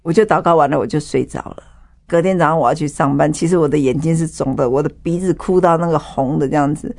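A woman's voice: sits low, quick pace, gravelly, a little mellow. A woman with a Taiwanese Mandarin accent, giving an emotional personal testimony as an interview guest and acting out the people in her story. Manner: vivid storytelling, acts out dialogue.

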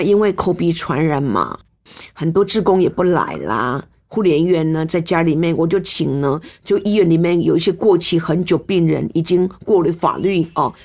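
Brief: older Taiwanese nurse, husky and low, earnest emotional testimony, dull recording. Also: female voice, lively intonation, normal speed, darkish tone. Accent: Taiwanese Mandarin. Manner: earnest, emotional storytelling with sentence-final particles. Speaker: nurse, guest. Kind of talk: personal testimony in an interview. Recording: slightly muffled recording.

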